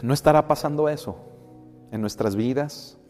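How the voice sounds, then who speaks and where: A man's voice: fairly high pitch, moderate pace, darkish tone, in a large hall, soft background music. A man preaching a sermon as a pastor, asking rhetorical questions and calling his listeners brothers. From Mexico.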